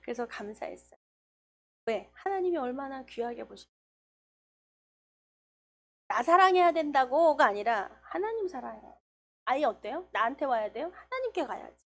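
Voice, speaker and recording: Woman, middle-aged, sermon, high pitch, storytelling. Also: normal speed, long pauses. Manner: storytelling with lively quoted dialogue. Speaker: preacher.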